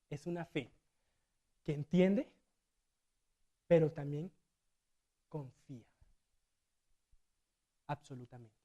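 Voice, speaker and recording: Man, sermon, church deacon, animated, loud then hushed, acts out quotes. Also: high-pitched. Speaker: deacon preaching.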